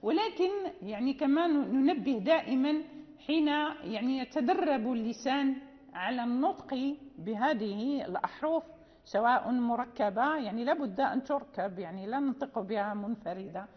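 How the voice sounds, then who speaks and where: A woman teaching Quran recitation rules, patiently demonstrating pronunciations slowly and checking with the listener as she goes. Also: fairly high pitch, expressive. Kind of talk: tajweed lesson. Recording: dull audio in a reverberant hall.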